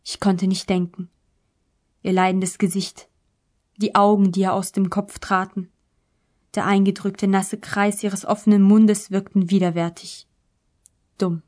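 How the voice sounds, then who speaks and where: A woman reads a literary novel aloud in the first person, measured and calm. Her voice sits at an ordinary mid pitch throughout. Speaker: audiobook narrator. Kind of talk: literary audiobook reading.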